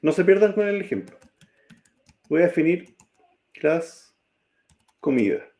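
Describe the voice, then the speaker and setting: A man teaches a coding lesson at an unhurried, drawn-out pace. His voice sits a little high for a man but sounds soft and mellow. Keyboard clicks come through as he types and keeps checking in with his class. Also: expressive. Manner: slow, checks in often with students. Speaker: programming teacher.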